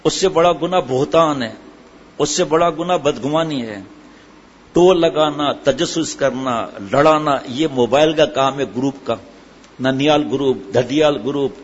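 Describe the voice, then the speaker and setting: A middle-aged man preaching a sermon, asking his listeners questions and answering them himself. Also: on the high side. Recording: hall echo, dull sound, faint ambient noise.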